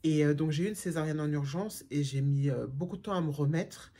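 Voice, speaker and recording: A middle-aged woman from Germany answers her viewers' questions in a frank, relaxed vlog chat, restarting often and leaning on fillers. She speaks fairly quickly in a low, dark voice.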